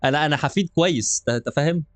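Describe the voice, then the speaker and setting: This gaming channel host, a young Egyptian Arabic-accented man, races through nervous, joking commentary on a horror game and laughs often. His voice is a little high, and the recording is dry.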